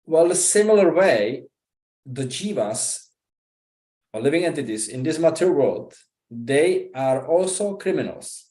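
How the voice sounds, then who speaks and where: A man's voice: fairly high pitch, animated, mellow. Man teaching in a roomy hall. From Czech Republic. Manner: conversational, halting, with frequent 'right?' and 'you know?'. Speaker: visiting speaker giving a scripture class. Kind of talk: informal scripture talk. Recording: roomy echo.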